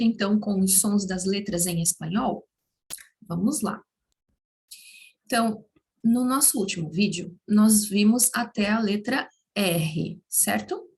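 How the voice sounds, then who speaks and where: Brief: woman language teacher, higher voice, unhurried, patient delivery for students. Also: darkish tone. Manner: patient, repeats words slowly for learners. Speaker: Spanish teacher. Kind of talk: slow explanatory language lesson.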